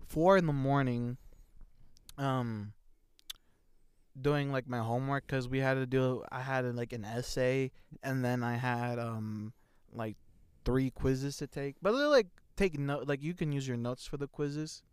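A man's voice: medium pitch, a little slow, clean tone, no echo, studio quality. A young man co-hosting a podcast, chatting casually and laughing often as he rambles. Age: young adult. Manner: laughs often, loose rambling talk with many fillers. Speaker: podcast co-host.

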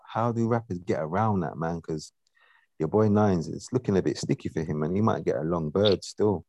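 A man with a deep voice and a London accent hosts a casual podcast. He talks in upbeat slang and echoes his own phrases, in a very dry recording with no room sound. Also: warm tone. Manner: slangy, upbeat, repeats himself. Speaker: podcast host.

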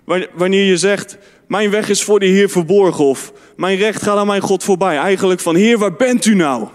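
A man's voice: high voice, fairly even intonation, normal speed. A man preaching a fervent sermon to a youth congregation in a church hall, often calling out amen and hallelujah. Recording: long hall reverb.

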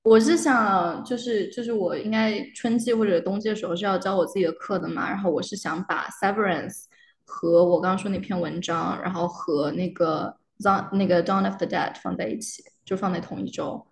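A woman's voice: mid-range voice, steady tone, normal speed, creaky. A young adult woman, a doctoral candidate guest, chatting casually about her research and moving between Chinese and English mid-sentence with many fillers. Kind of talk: casual academic chat. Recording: roomy with faint noise.

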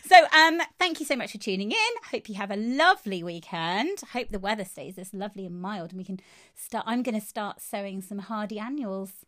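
A woman's voice: mid-range voice, expressive, brisk, a bit bright. A woman co-hosting a chatty podcast, bubbly, laughing often and restarting her sentences. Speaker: podcast co-host. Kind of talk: casual chat.

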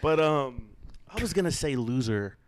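A young man co-hosting a comedy podcast, ranting loudly with profane, mock-serious banter. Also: medium pitch, animated, moderate pace, a little hiss or hum. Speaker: podcast co-host.

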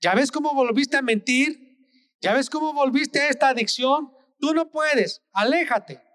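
A preacher doing a taunting devil. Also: male voice, extremely high pitch, unhurried, a bit bright, pitched above the performer's own voice. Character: taunting male devil, whispering discouragement.

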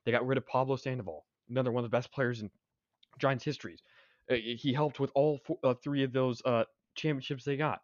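A man's voice: mid-range voice, a little fast, no echo. A young man co-hosting a casual sports chat. He rambles and restarts his sentences, pushing his opinions hard. The recording is dry and slightly muffled. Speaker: sports podcast co-host. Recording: dry, dull lo-fi sound.

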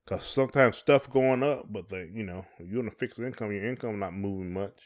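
A podcast co-host with a fairly low-pitched voice talks fairly quickly in casual conversation, using folksy, colloquial phrasing.

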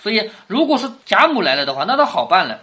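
Animated woman lecturing on a classic novel. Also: mid-range voice, fast talker. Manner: conversational, explains line by line, asks frequent rhetorical questions. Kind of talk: explanatory literature lesson.

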